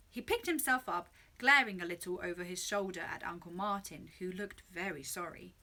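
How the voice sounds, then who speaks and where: A woman reading a children's story aloud with expressive, animated storytelling. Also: on the high side.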